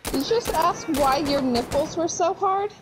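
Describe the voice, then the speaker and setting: A woman's voice: very high-pitched, expressive, moderate pace, noisy background. A woman gamer on voice chat, teasing friends with incredulous questions in casual banter.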